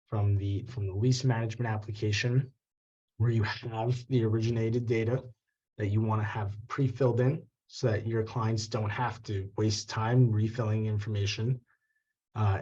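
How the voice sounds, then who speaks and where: A man's voice: lowish voice, warm tone, slightly rough. Loose-talking man on a dull call. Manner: casual, loose, many fillers and restarts. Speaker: software trainer hosting office hours. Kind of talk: live webinar walkthrough. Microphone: video call.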